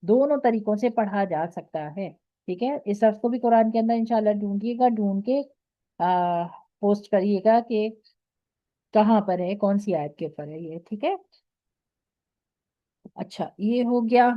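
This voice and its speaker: A woman with an Urdu accent teaching Quran recitation rules in an online lesson. She explains patiently, keeps checking with "okay", and recites her examples slowly. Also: medium pitch, no room sound. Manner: slow drawn-out recitation of examples. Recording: dry, dull lo-fi audio.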